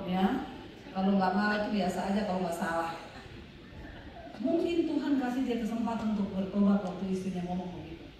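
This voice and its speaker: A woman pastor preaching an animated sermon, telling stories and calling out to the congregation. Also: mid-range voice, a little hiss or hum. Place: large revival hall. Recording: echoey hall, mic at a distance.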